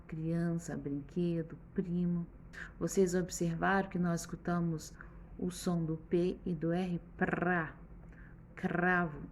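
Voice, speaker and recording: A woman teacher giving a patient, step-by-step lesson for children, often pausing to check that they follow along. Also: lowish voice, gravelly, mellow, a little hiss or hum. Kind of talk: remote schoolbook lesson for children.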